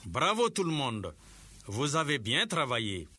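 A man teaching a scripted radio lesson, giving slow, clear instructions to teachers and pupils. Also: medium pitch, very animated, over loud music.

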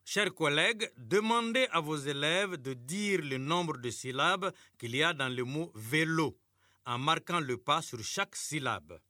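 A man teaching a scripted radio lesson to primary pupils, speaking slowly, clearly and patiently. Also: fairly high pitch, lively intonation, sharp tone, dry recording, studio quality. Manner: slow, clear, patient classroom delivery.

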